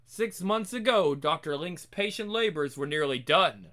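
Man voicing a misunderstood robot, formal storybook narration, earnest, bright tone, widely swinging pitch. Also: animated, a little slow. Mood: earnest, wounded. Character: earnest, misunderstood male robot telling his sad story. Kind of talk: first-person scripted narration.

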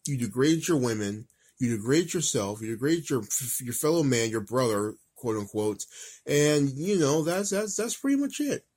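A man in his thirties giving a casual, emphatic rant, repeating phrases for stress, recorded in an office on an old flip phone with lower quality audio. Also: lively intonation, moderate pace, darkish tone. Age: 30s. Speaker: vlogger.

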